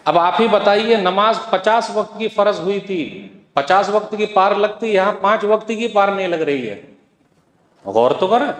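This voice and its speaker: High-voiced preacher in echoey hall. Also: male voice, a little slow. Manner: exhorting, rhetorical questions, quoting scripture. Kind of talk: Friday sermon. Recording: echoey hall with long reverb.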